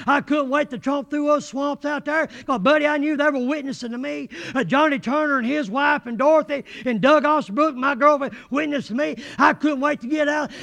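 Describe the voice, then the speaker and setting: A man preaching a sermon in church, folksy and rising to shouted fervor. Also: very high-pitched, gravelly. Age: 80s.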